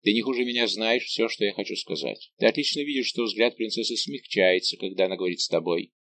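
A man voicing a scheming young nobleman who taunts and quickly flares into anger. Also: lowish voice, animated, a bit bright. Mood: insinuating. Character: scheming young nobleman, mocking and hot-tempered.

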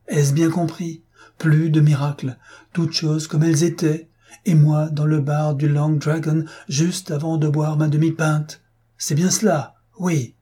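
A man's voice: fairly high pitch, slightly rough, voice pushed up. A man playing a frantic, panicked everyman. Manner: frantic, pleading, shouting. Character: panicked ordinary man facing a storm. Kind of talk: audiobook character voice.

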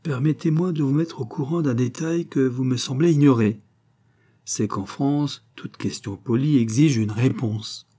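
A man plays a lovesick young Parisian gallant who pleads theatrically. His speech is florid and impassioned. The voice is mellow and husky. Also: mid-range voice, measured pace, natural voice. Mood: polite rebuke.

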